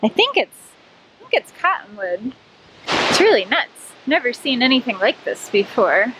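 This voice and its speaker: A woman's voice: a little high, big pitch swings, moderate pace. A woman in her thirties chatting casually to a camera at arm's length outdoors. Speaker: travel vlogger. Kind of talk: casual vlog chat to camera. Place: outdoors in a campground. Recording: outdoor camera audio with clear background noise.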